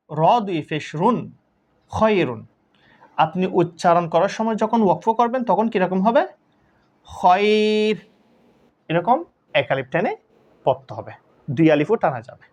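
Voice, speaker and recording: A man teaching Quran letter reading, slowly spelling out letters and syllables, drawing some sounds out for learners to repeat. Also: high voice. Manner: slow drawn-out letter recitation. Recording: dull lo-fi sound.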